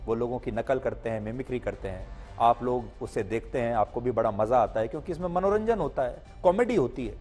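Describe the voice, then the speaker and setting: A man's voice: medium pitch, expressive, fairly quick, darkish tone, faint music behind. A middle-aged man delivering scripted news commentary as a TV anchor, in a pointed, emphatic manner.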